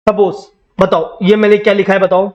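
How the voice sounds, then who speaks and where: A man's voice: high-pitched, flat delivery, a little fast, dull audio. A man teaching accounting to a classroom, drilling students with repeated questions and teasing them when they don't know. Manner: teasing, scolding banter with the class. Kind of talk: classroom lecture.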